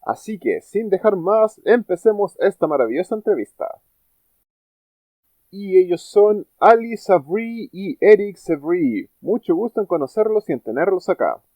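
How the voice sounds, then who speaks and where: A man's voice: high-pitched, animated, unhurried, warm tone, no room sound. A man hosting an interview, introducing guests in an effusive, enthusiastic way. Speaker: podcast host. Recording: tinny phone-like sound.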